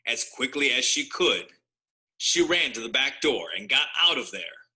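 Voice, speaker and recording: A man reads a children's story aloud with plenty of expression. His mid-pitched voice is very bright and forceful. He delivers it with a wry, mock-innocent air. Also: very animated, measured pace, rough recording. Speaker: storybook narrator.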